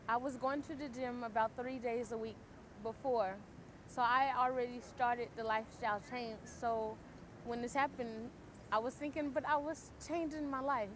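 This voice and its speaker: Halting young woman, traffic behind. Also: fairly high pitch, low-quality recording. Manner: slightly halting, with restarts. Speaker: stroke survivor. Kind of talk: personal testimonial.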